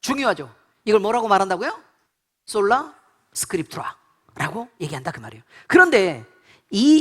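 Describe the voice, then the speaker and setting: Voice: mid-range voice, fairly bright tone. A pastor preaching a sermon in blunt, colloquial speech, repeatedly quizzing the congregation with call-and-response questions.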